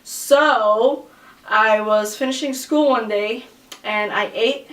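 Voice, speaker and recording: A chatty woman vlogger tells a personal story in a casual, filler-heavy way, her voice sitting a little high. She is recorded from a distance in an echoey room. Now and then she jumps into high shrieks for the people she quotes. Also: takes it slowly, a bit bright.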